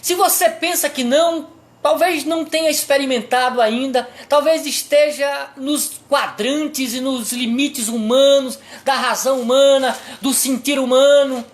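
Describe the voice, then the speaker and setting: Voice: sits high, steady tone, unhurried. A pastor with a Brazilian accent preaching a sermon, asking the congregation rhetorical questions and pressing each point with emphasis.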